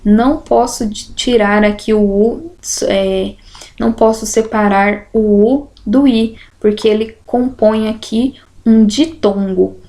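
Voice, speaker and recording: A woman teacher with a slow, didactic way of talking, going through exercises in a lesson and stretching out syllables to make her points. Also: fairly high pitch, steady tone, mellow. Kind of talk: explanatory lesson, correcting exercises.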